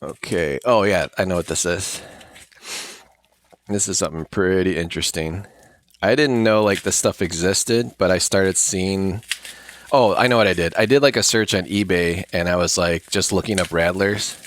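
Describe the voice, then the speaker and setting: A man's voice: deep voice, moderate pace. A man talking casually to camera as he unboxes his mail, rambling and thinking aloud with lots of fillers. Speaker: coin collecting vlogger.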